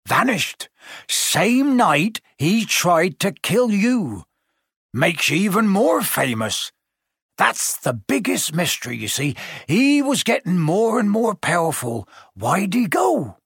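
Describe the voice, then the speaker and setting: A huge bearded giant with a gruff, emotional way of talking, played by a male storyteller. His voice is husky and sits a touch high, and the recording is dry and close. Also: fairly bright tone, no room sound, exaggerated voice. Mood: earnest. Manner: rough country speech, emotional.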